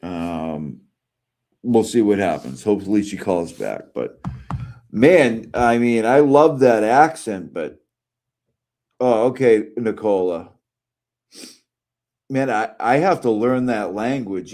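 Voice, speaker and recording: Low, mellow-voiced male streamer. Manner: rambling, profane, many fillers. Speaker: streamer host reacting to a live audio room. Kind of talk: casual live-stream commentary.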